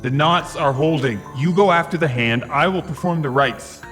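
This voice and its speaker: A man voicing an urgent, manic priest in a horror story, forceful and solemn in his commands and prayers. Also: a little high, moderate pace, pitched above the performer's own voice, lightly acted. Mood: commanding. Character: urgent, manic male priest performing an exorcism. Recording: long cavernous reverb over music.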